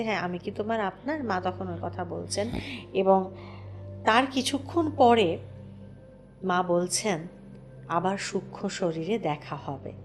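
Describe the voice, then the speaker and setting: A woman hosts a devotional storytelling talk. She narrates an old spiritual tale at a steady, moderate pitch, stopping to comment. Faint music plays behind her. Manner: retells a story slowly and affirms with soft hums. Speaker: host.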